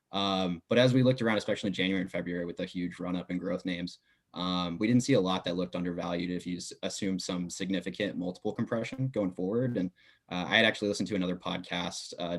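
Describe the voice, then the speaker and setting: A man's voice: sits low, gravelly. A young adult man, a business student, talking as a podcast guest in a casual interview, giving detailed answers with many filler words.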